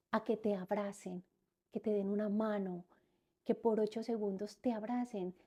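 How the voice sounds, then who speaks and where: A woman's voice: medium pitch, warm tone. A woman, a podcast guest, telling a personal story, repeating phrases and acting out what people said. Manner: repeats words and phrases as she recounts events; acts out quoted speech within her story.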